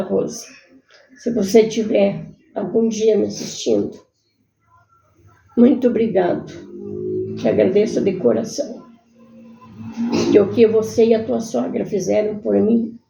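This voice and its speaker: Woman telling her life story, halting and earnest, gravelly voice, muffled echoey room. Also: medium pitch, dark tone. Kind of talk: personal storytelling.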